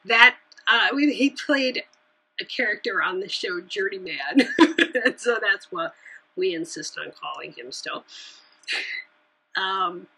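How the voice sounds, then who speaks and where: A woman's voice: mid-range voice, bright, forceful tone, slightly rough, rough recording. A woman hosting a knitting podcast, chatting casually on her own, laughing often and sometimes trailing off mid-sentence. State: hiccuping. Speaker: podcast host. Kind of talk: casual solo chat.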